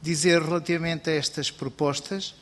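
A man presenting as an agency president at a formal hearing, speaking in a measured, bureaucratic way with frequent "eh" fillers. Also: a little high, fairly even intonation, a bit bright. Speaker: agency president giving testimony. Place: parliamentary committee room. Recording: long hall reverb.

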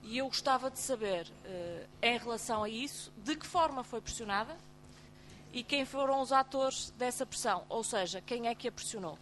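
A woman with a European Portuguese accent questions a witness in a parliamentary hearing. Her voice sits a little high, and her delivery is composed and precise. A faint hiss runs in the background. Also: expressive, moderate pace, fairly bright tone. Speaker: member of parliament.

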